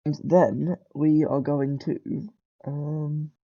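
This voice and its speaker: Extremely slow and with little pitch movement, this man's fairly high, dark-toned voice walks through a beginner coding tutorial while he has a cold. He rambles casually, keeps correcting himself, and says um and clears his throat a lot, all on dull audio.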